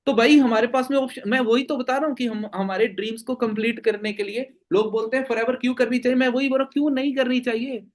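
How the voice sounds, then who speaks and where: A man's voice: extremely high pitch, fairly even intonation, fast talker, few pauses. A young man leading a team meeting, answering questions emphatically with rhetorical questions and frequent check-ins. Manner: emphatic, full of rhetorical questions and "theek hai?" tags. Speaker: network marketing team leader.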